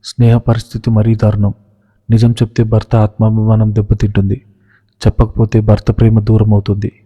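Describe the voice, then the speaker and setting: A man telling a dramatic story in measured, scripted narration. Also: on the low side. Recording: reverberant, dull lo-fi recording.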